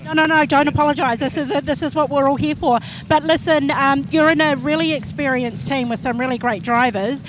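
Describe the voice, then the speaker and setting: Female pit reporter, New Zealand accent, high voice, chatty live interviewing outdoors amid vehicle noise. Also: a little fast, hardly any pauses. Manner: chatty, encouraging. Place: outdoors in rain at a speedway. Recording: noisy outdoor speedway with vehicles.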